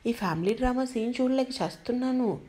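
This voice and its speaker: A woman's voice: a little high, a little fast, dark tone, natural voice. A woman voicing a scheming woman who mocks the family in her thoughts. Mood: scornful. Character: scheming woman, scornful and sly.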